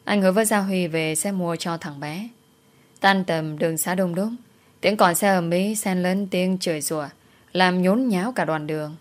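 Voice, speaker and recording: A woman with a slightly low voice narrates a dramatic story. Steady and even storytelling pace. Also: normal speed.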